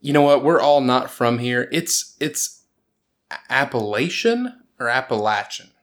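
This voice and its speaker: A man hosts a laid-back sports talk with friends. He jokes his way through the week's scores, sarcastic and quick to laugh. His voice sits at an ordinary middle pitch. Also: steady tone. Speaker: podcast host. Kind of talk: casual sports chat.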